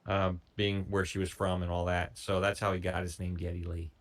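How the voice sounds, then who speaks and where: A man co-hosting a music reaction show, chatting in an easygoing, measured way and telling stories about the band. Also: low-pitched, little pitch movement. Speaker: show co-host picking the music. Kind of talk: casual chat.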